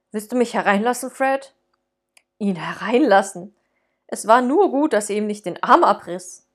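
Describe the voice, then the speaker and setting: A woman reading a classic Christmas story aloud, giving the characters lively voices. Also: mid-range voice. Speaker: podcast host reading a story.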